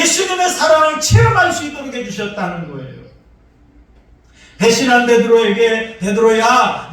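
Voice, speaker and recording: Pastor guy preaching, really high voice that swings all over, big echoey church, sounds far from the mic. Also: fairly bright tone. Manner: emphatic, repetitive preaching cadence. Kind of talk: sermon. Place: church sanctuary. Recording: echoey church hall, voice from afar.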